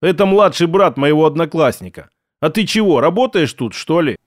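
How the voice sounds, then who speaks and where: A man playing a tough, commanding policeman who snaps out short orders. The voice sits high and tight, recorded close and dry like a storybook read in a booth. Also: animated, normal speed, no room sound, close to an everyday voice. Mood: explaining. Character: tough male police officer, curt and commanding.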